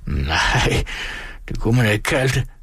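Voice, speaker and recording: A man reading the part of an angry, blunt older woman innkeeper in a storybook, in a husky voice. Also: lowish voice, sing-song, fairly bright tone, no room sound, exaggerated voice.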